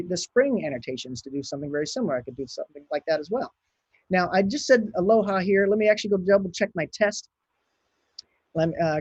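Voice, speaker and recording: A man's voice: sits high, darkish tone, slightly rough, no room sound, lo-fi sound. A man from Hawaii giving a conference talk, thinking aloud and chatting as he runs a live coding demo. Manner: chatty, thinks aloud while clicking and typing. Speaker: conference speaker.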